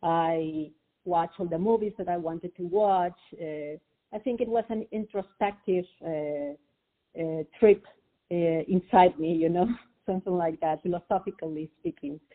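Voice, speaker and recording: Speaking a little slowly in a low-ish voice, a woman from Peru joins a phone interview as a guest financial advisor. The line sounds tinny, and she hesitates often, filling gaps and restarting her sentences.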